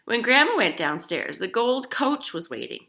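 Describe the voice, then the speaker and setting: In a creaky voice on the high side, a woman reads a picture book aloud at a moderate pace. She's animated and expressive, chatting with the children and asking them questions.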